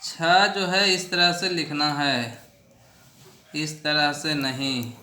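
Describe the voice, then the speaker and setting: Male teacher, handwriting lesson, very slow delivery, echoey room. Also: a little high, sharp tone. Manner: slow, deliberate instructional delivery.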